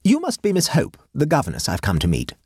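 Storybook: a bossy high-society matron, lofty and overbearing, as a male narrator puts her on, husky, ranging widely. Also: huge pitch swings, fast talker, a little mellow, dry recording, clean studio sound, heavily acted. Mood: imperious. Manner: pompous, domineering. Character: imperious wealthy middle-aged woman employer.

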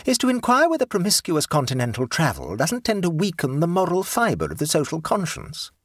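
A man's voice: a little high, huge pitch swings, a little fast, a bit bright, no echo, studio quality, voice pushed up, exaggerated voice. A man voicing an elderly, prim and fussy society duchess, gushing and pompous, in an audiobook. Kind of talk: audiobook character voice.

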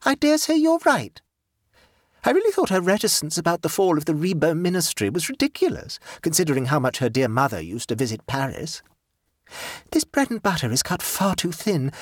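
A man's voice: sits high, no room sound, studio quality, pitched above the performer's own voice, full character voice. A man voicing a cheerful, absent-minded society woman who chatters and rambles. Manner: breezy, rambling.

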